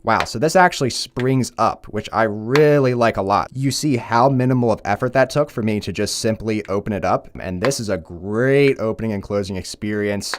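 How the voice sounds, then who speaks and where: A man's voice: fairly low pitch, normal speed, hardly any pauses, slight background noise. A man giving a casual, upbeat product review in a conversational, approving way. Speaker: tech reviewer.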